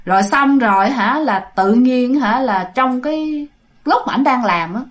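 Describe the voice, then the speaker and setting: A woman's voice: on the high side, animated, measured pace. A woman with a Southern Vietnamese accent telling ghost stories in a chatty, casual way, often addressing her listeners. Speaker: ghost story narrator. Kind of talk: casual storytelling.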